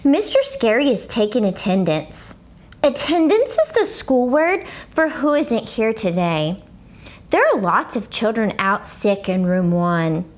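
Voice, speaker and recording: A woman plays an excitable little schoolgirl reading her storybook journal aloud in a high voice, in the style of an expressive children's book. She's blunt, dramatic and earnest, with childlike bad grammar, wide swoops in pitch and heavy, exaggerated emphasis. She speaks a little slowly, taking her time.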